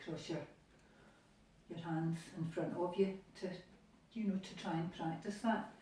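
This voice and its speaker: A Scottish woman guides a home exercise class in an encouraging, chatty way. Her voice is soft and mellow, heard from a distance in a very echoey room. A faint hiss sits under the recording. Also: on the low side, steady tone, a little slow. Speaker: exercise instructor. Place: living room.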